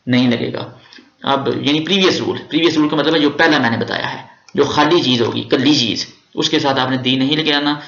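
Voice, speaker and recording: रूखी खरखराती आवाज़ वाला पाकिस्तानी शिक्षक. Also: male voice, mid-range voice, creaky, fairly bright tone. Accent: Pakistani Urdu. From Pakistan. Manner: repetitive, drilling rules step by step. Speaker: teacher. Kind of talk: grammar lecture. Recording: echoey room, dull lo-fi sound.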